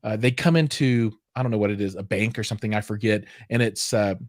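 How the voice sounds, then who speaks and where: A man's voice: lowish voice, fairly even intonation, fast, no room sound, studio quality. A middle-aged man hosting a casual live chat, rambling and self-deprecating, with lots of fillers and restarts. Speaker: host.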